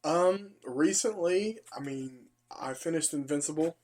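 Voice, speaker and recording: A young man co-hosting a podcast in casual chat, relaxed and halting, often restarting his sentences. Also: on the high side. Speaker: podcast co-host.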